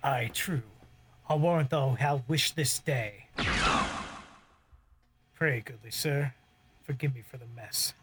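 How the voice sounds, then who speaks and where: A man's voice: medium pitch, takes it slowly, pauses often, slight background noise, natural voice. A man reading a wry, roguish smuggler. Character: roguish, cocky smuggler captain. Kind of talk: amateur Shakespearean table read.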